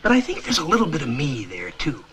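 A man's voice: on the high side, wildly swooping pitch, fast, crowd noise. An actor playing an exasperated, defensive young husband and new father in 1960s sitcom style.

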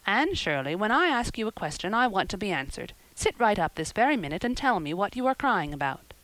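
A woman doing a brisk, stern older guardian. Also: medium pitch, very animated, a bit bright, no room sound, low-quality recording. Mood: stern, dry. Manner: brisk, scolding and matter-of-fact. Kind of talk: audiobook character voice.

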